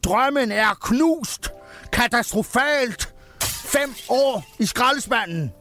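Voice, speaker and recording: Comedic storyteller a man voicing an over-the-top, raging Santa, loud and high-strung. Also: expressive, soft background music. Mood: ranting. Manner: ranting, grandly dramatic. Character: furious melodramatic male Santa Claus.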